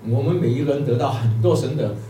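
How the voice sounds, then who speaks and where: A man's voice: medium pitch, fast, dark tone, a little hiss or hum. A man preaching, telling a parable and putting questions to his listeners. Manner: storytelling, asks the listeners questions. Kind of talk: sermon with a parable. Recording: echoey room, distant mic, faint music.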